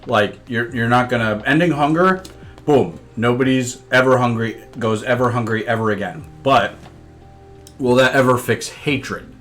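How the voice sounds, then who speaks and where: A young man co-hosting a casual podcast, talking in a relaxed, hesitant way with many ums. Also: mid-range voice, normal speed, faint music behind. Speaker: podcast co-host. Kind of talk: casual chat.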